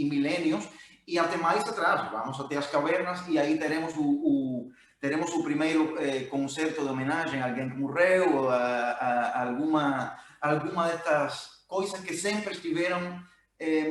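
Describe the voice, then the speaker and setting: A man from Cuba with a Cuban Spanish accent, a native Spanish speaker mixing Portuguese and Spanish haltingly as he gives an informal talk. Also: mid-range voice. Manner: halting, searching for words. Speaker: project musician speaking at a talk. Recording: very echoey room.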